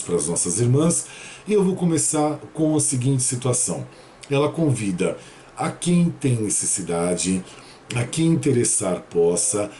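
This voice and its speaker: A man's voice: on the low side, slight background noise. A man with a Brazilian Portuguese accent giving a casual tarot reading to his viewers and addressing them in a familiar way. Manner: warm, familiar address with frequent "né?" and "tá bom?". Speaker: tarot reader.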